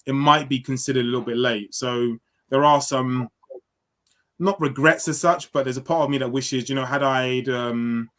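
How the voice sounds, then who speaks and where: A man from London talks through his football story in a relaxed, thoughtful interview, his voice sitting at an ordinary middle pitch. He often restarts sentences and leans on fillers as he looks back on his path. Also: normal speed. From London, England. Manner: reflective, many fillers and restarts. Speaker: football guest. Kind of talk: casual interview answers.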